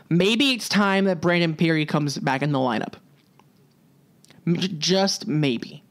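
A young man with a notably high voice hosts his solo sports podcast. He talks casually and keeps restarting his sentences. Now and then he drops a sarcastic aside. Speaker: podcast host. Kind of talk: solo hockey podcast talk.

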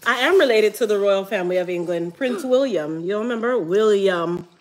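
A woman in her thirties chatting casually at a table, teasing her family with deadpan made-up facts and laughing often. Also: medium pitch, normal speed. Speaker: vlogger. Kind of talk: casual chat while eating. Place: small room with curtain backdrop.

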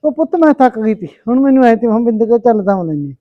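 A woman's voice: a little high, big pitch swings, quick pace. A middle-aged woman, playing a tired, patient mother-in-law in a village family drama. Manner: gentle, weary, calls her "son". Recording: dull lo-fi recording.

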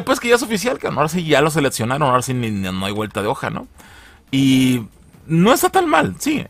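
Mexican male host, lively up-and-down delivery, slangy, laughs easily, dry close sound. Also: fairly high pitch, no echo. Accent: Mexican Spanish. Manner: animated, slangy, laughs often. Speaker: channel host. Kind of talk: casual commentary on film news.

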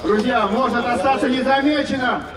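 A man's voice: very high voice, moderate pace. A man announcing a fight live in the style of a fighting game announcer, heard over a PA. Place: outdoor fight event, crowd around sand ring. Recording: distant echoing PA, loud outdoor crowd.

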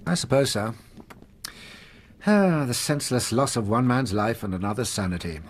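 An actor playing an earnest, compassionate English doctor, a detective's plain-spoken companion in a Victorian radio drama. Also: male voice, mid-range voice, very animated, normal speed, a little hiss or hum, close to an everyday voice. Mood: sombre.

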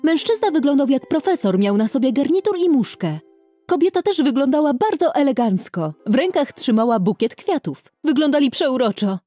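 Young female narrator, expressive, warm low timbre, dry studio read. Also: moderate pace, no room sound, faint music behind. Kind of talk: scripted first-person story narration.

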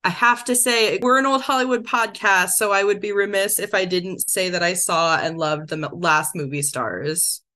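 A woman co-hosting a podcast, chatting casually and reading through a quick list with enthusiasm. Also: fairly low pitch, sharp tone. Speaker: podcast co-host. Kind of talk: casual chat.

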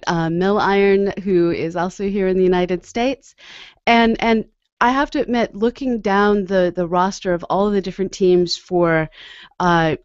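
A woman's voice: lowish voice, no echo, highs cut off. A woman in her thirties hosting a video call interview from a home office, speaking into a desk microphone, friendly and with frequent fillers. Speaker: host. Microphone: desk microphone on a boom arm.

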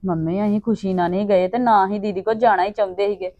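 A woman with a Punjabi accent plays a daughter-in-law who pleads with and tries to appease her mother-in-law. Her voice is mellow and sounds close and dry. The recording is slightly dull. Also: medium pitch, fairly even intonation, fast, no echo. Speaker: daughter-in-law in a family drama. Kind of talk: scripted family drama acting.

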